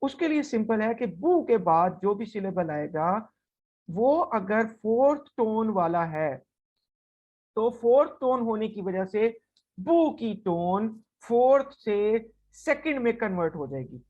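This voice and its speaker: Woman, language teacher, recorded lesson, slow and deliberate, repeats examples, checks in often, slightly muffled lo-fi sound. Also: mid-range voice, very animated.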